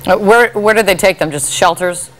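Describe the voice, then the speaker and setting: A woman's voice: mid-range voice, normal speed. A woman news anchor conducting a live broadcast interview from a studio.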